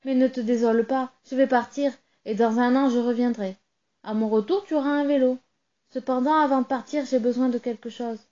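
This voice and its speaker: A woman's voice: fairly high pitch, fairly even intonation, a little fast, dark tone, dull audio, close to an everyday voice. A woman voicing a small, clever female rubber doll that can foretell things, in a chirpy, eager way. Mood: coaxing.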